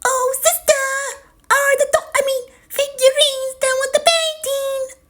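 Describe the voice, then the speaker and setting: A man voicing young adult female raptor sisters in a storybook tale, in a high squeaky falsetto. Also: level tone, unhurried, pushed and bright, full character voice. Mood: chirpy. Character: young adult raptor sisters, polite noble and chatty painter.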